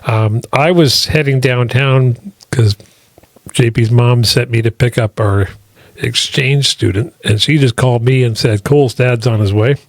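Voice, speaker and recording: A middle-aged man hosts a casual podcast, talking in a rambling, fatherly way full of restarts and asides. His voice sits at an ordinary pitch for a man. The sound is dry and close, with no room echo. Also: measured pace.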